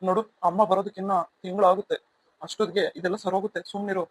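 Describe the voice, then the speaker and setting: A man's voice: high-pitched, flat delivery, fast talker, no echo, low-quality recording. A man voicing a stern, blunt elder brother. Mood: reassuring. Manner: blunt, commanding. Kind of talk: cartoon serial voice acting.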